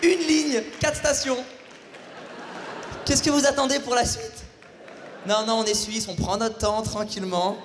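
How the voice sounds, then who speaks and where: A man's voice: very high-pitched, fairly even intonation, a little slow, long pauses, crowd noise. Ironic male comic on stage. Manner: ironic, playful digs at the audience. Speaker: stand-up comedian. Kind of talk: stand-up routine. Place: theatre stage before a live audience. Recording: hall reverb, faint audience noise.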